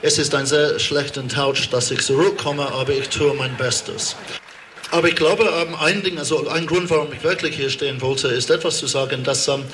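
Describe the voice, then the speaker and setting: A man's voice: a little high, fairly even intonation, moderate pace, fairly bright tone, slight background noise. A man from England with an English accent, speaking in a learned second language as an opera director addressing a demonstration, hesitant and searching for words with frequent ums. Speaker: opera director giving a rally speech. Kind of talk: public speech at a demonstration. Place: outdoor rally on a town square.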